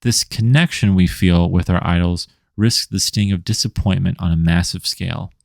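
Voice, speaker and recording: A man reading his own scripted video essay in a measured, rhetorical way, stacking lists and questions. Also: low voice, vocal fry, darkish tone, no room sound, studio quality. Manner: measured, rhetorical, list-like delivery. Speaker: indie comics writer and channel host.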